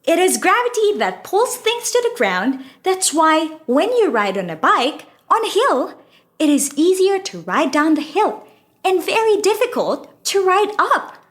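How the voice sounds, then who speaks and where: A woman's voice: very high-pitched, big pitch swings, unhurried, heavily acted. A woman playing a knowledgeable, teasing young female friend who patiently explains science in an educational audio drama. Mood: patient, explanatory.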